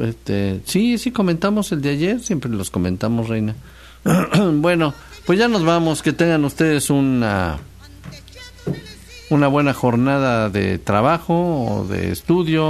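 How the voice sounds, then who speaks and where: Chatty Mexican radio host. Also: male voice, mid-range voice, big pitch swings, slow pace, vocal fry, darkish tone. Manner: chatty, joking, explains spelling rules. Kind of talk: casual radio chat.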